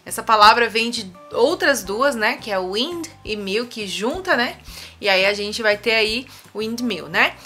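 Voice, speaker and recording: A woman's voice: fairly high pitch, expressive, a little slow, pushed and bright, soft background music. A woman with a Brazilian Portuguese accent teaching an online English lesson, explaining patiently and often checking in with the viewer. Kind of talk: online tutorial explaining rules.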